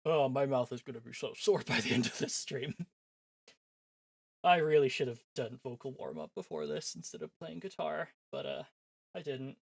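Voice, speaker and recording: Over background music, a man hosts a livestream of visual novel previews in a casual, sarcastic, self-deprecating way, swearing now and then. He speaks at a moderate pace in a medium-pitched voice with vocal fry.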